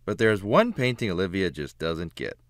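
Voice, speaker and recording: A man reading a children's picture book aloud with expressive, emphatic phrasing. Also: low-pitched, moderate pace, dry recording, studio quality. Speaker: children's book reader, narrator. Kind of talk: read-aloud storybook narration.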